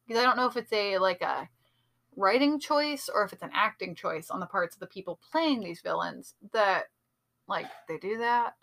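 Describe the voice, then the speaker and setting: A woman's voice: medium pitch, animated, moderate pace, creaky, fairly bright tone. A woman co-hosting a podcast, casually breaking down a TV episode in analytical detail, with lots of "like" and "um". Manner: chatty, analytical, many fillers like "like" and "um". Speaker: podcast co-host. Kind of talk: casual chat reviewing a TV episode.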